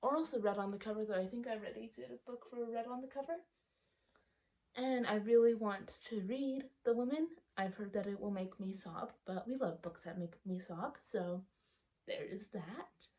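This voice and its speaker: Speaking at normal speed in a mid-range voice with a darkish tone, a young woman chats loosely about books for her vlog. She digresses, fixes her own wording, and says um frequently, and the retainer in her mouth changes her speech a little. She appears to be outdoors or sitting near a sunny window at home.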